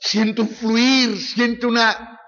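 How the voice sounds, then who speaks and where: A man's voice: very high voice, little pitch movement, takes it slowly, pushed and bright, voice pushed up, full character voice. Man putting on a fervent, gushing preacher. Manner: breathless, emotional, repetitive exclamations. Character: excitable male preacher claiming to feel the Spirit. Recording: echoey hall, dull lo-fi recording.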